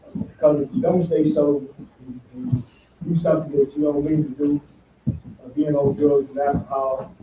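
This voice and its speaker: A man in his fifties giving a plain, halting testimony to a recovery group, pausing often. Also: medium pitch, roomy sound, distant mic, dull audio, noisy background. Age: 50s. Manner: plain, halting, repeats himself with many "uh"s. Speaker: recovery house resident. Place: recovery house meeting room.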